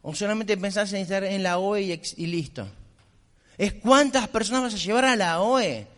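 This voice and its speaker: A man delivers a motivational speech as a business mentor. He speaks with a high voice and drives his points home bluntly, repeating them insistently. His voice rings out with the long reverb of a hall. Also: a bit bright. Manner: blunt, insistent, repetitive exhortation.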